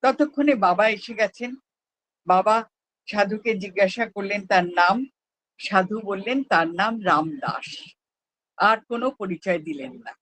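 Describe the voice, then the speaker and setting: A calm, measured memoir reader. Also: medium pitch, no echo, low-quality recording. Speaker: reader at a prayer gathering. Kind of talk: reading a memoir aloud.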